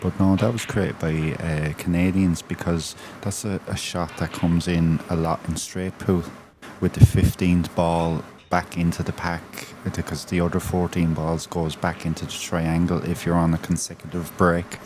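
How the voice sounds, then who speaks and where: A man with an Irish Wexford accent giving casual live snooker commentary, halting and repeating words as he goes. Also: deep voice, little pitch movement, background noise. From Ireland, Wexford.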